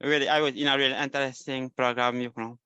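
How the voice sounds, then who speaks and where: A young man from Senegal, a designer speaking on a panel discussion, halting with many fillers and restarts. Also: medium pitch, flat delivery, pushed and bright, clear, resonant tone, no room sound.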